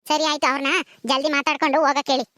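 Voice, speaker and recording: Brief: woman as a firm, kind police officer, high voice, steady measured talk, dry sound. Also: dry recording. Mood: calm. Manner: measured, reassuring.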